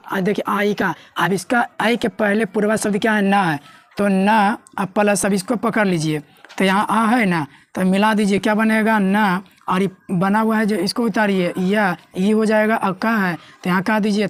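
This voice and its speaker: A woman's voice: mid-range voice, fairly even intonation, normal speed. A woman teaching a grammar lesson, often asking herself questions and answering them. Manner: asks and answers her own questions. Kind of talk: classroom lesson explaining at a board.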